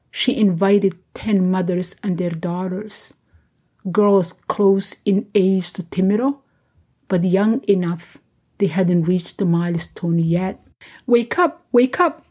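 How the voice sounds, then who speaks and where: A woman hosting a podcast, reading a scripted family story in a measured, gentle way. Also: mid-range voice, husky.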